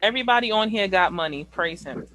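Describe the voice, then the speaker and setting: A woman's voice: mid-range voice, fast, no echo. A woman, hosting a casual, playful group chat about dating. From New York. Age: 20s. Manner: playful, animated, slangy. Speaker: host.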